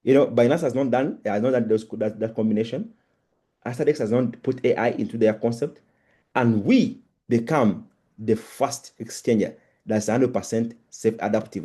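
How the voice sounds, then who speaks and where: A man with a mellow, slightly rough voice delivers a live crypto-bro sales pitch. He is emphatic and insistent, repeating key phrases. His delivery is halting, with stammered restarts. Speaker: crypto promoter presenting on a live Zoom call. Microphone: online video call.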